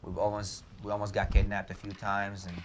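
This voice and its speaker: Man from Iraq, low, candid. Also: completely flat delivery, brisk. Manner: candid, matter-of-fact, joking asides. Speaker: guest. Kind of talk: casual interview storytelling. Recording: faint background noise.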